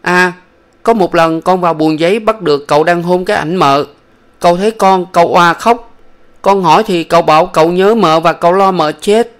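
A man's voice: sits high, fairly quick, fairly bright tone, clean tone, voice pushed up. A man voicing an earnest, talkative young boy in a storybook reading. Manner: eager, pleading, childlike.

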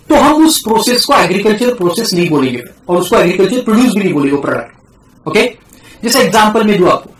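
Echoey Indian teacher drilling tax terms. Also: male voice, very high voice. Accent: Indian English. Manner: mixes Hindi and English, calls students "beta", drills key terms slowly. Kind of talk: classroom lecture.

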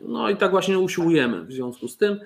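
A man's voice: high voice, very animated, fast talker, gravelly, slight background noise. A man casually presenting board games, joking and often restarting his sentences. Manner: chatty, joking, with fillers and restarts. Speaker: toy company presenter.

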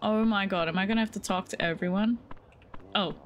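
A woman streamer chatting excitedly as she plays a game live, reacting to everything on screen. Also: medium pitch, fairly quick, dull audio, slight background noise. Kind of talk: live gameplay commentary.

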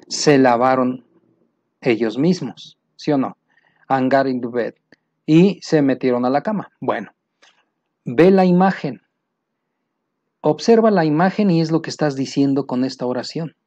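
A male teacher walks through grammar errors step by step, pausing often to check that the learner is following. His voice sits a little high for a man but sounds mellow and warm. The recording is dull and lo-fi. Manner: patient, checks understanding with frequent "¿sí?" and "mira". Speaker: English teacher. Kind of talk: explaining English grammar errors to Spanish speakers.

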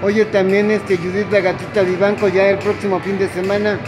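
A man, a boxing news reporter asking a trainer brisk questions off camera. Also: high voice, flat delivery, over music. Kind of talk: interviewer questions.

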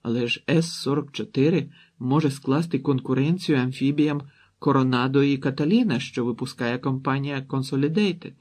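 A man reading an audiobook, voicing a polite, matter-of-fact aircraft executive in a slightly raised, louder voice with a raspy edge. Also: medium pitch, moderate pace, lightly acted. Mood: polite, cool. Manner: courteous, matter-of-fact, dismissive. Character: smooth polite American aircraft executive, middle-aged man.

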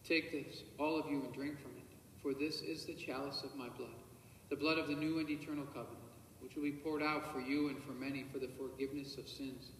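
Captured by a far-off camera in a large, echoey church with faint hiss, a male priest celebrates Mass at the altar. His mid-range voice keeps fairly even intonation as he recites liturgical prayers in a measured, solemn way, murmuring his private prayers quietly.

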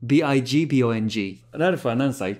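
This is a French YouTube host in his thirties who chats on the phone and addresses the camera in his living room while reviewing a language app. At medium pitch and a moderate pace, he comes across friendly and lively, laughing frequently and hopping between languages.

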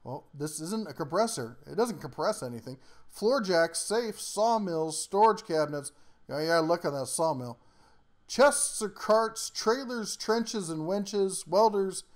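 Male tool-channel host, slightly high voice, rambling down-home delivery, easy chuckles. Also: expressive, measured pace. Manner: folksy, rambling, chuckles often; down-to-earth workshop slang. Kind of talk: casual product rundown.

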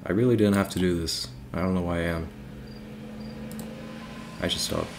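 Low-voiced British man reading aloud. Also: fairly even intonation, normal speed, slight background noise. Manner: stumbling over names, self-mocking asides. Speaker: streamer.

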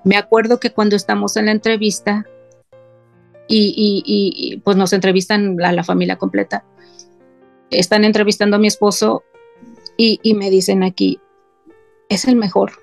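A middle-aged woman tells a deeply personal family story as an interview guest. Her voice has a rough, gravelly texture, and she brings each scene to life by voicing what her relatives said. Soft music plays faintly behind her. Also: level tone, normal speed, pauses often. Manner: retells scenes by quoting family in her own voice.

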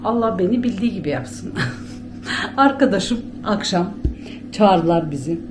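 A woman's voice: mid-range voice, lively intonation, measured pace, music in the background. A chatty woman with a Bulgarian Turkish accent, talking casually to her camera at home as she rambles and laughs often. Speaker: vlogger. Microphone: handheld camera.

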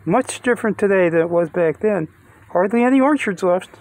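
A man's voice: high-pitched, expressive, fairly quick, darkish tone. Rambling older man filming a phone vlog. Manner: rambling, plainspoken, with restarts and mental math. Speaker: vlogger. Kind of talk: casual self-filmed vlog. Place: outdoors in a park, then inside a van. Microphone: phone held close.

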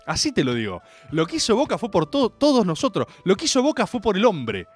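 An Argentine man hosts a radio show and delivers an exasperated comic rant. His voice is high and jumps all over the place. He is recorded dry and close, with faint music behind him. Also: fairly quick, husky. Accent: Argentine Spanish. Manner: animated, exasperated ranting.

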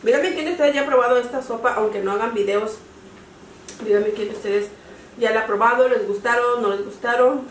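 A woman's voice: a little high, a little fast. A middle-aged woman chatting casually in Spanish while eating, often with her mouth full. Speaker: host of a family mukbang video. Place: home kitchen table, indoors. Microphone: camera across the table. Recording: roomy, distant, noisy with sizzling food.

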